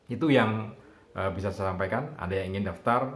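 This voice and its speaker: Man explaining a course in a roomy room. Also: lowish voice. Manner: unhurried explanatory talk with frequent "nah" and "gitu ya". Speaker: public speaking instructor. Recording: roomy echo.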